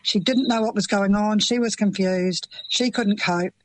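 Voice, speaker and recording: A woman's voice: mid-range voice, fairly even intonation, normal speed, no room sound, low-quality recording. A middle-aged woman with a New Zealand accent, speaking earnestly and passionately as a parent in an interview. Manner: earnest, impassioned, plain-spoken. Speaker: parent of children with FASD. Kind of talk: emotional interview answers.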